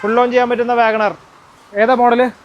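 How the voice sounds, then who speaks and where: A man's voice: very high-pitched, level tone, normal speed, dull audio, slight background noise. A man with a Kerala accent hosting a casual used-car walkaround, asking short questions and repeating answers back. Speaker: car vlog host.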